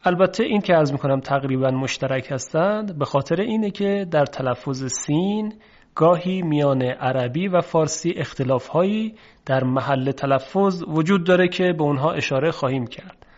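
A Persian-speaking man teaching Arabic letter pronunciation for Quran reading, in a slow, measured lesson that draws out example words. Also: on the high side. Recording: dull lo-fi recording.

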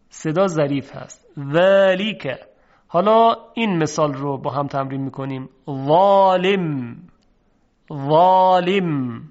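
A man teaching how to pronounce Arabic letters, speaking slowly and deliberately and repeating each sound for the listener to practice. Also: fairly high pitch. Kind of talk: recorded pronunciation lesson. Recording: dull lo-fi recording.

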